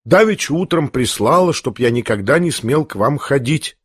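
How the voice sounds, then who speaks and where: A gentle, earnest young prince, read by a man speaks softly in a low, husky voice. He reasons mildly and patiently. The sound is dry and close. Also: lively intonation, moderate pace, dry recording.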